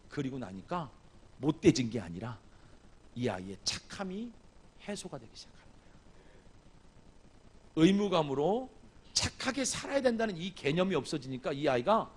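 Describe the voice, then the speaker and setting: A man's voice: a little high, breathy edge. A man preaching a revival sermon as guest pastor, asking the congregation questions and acting out dialogue from a family story. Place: church sanctuary.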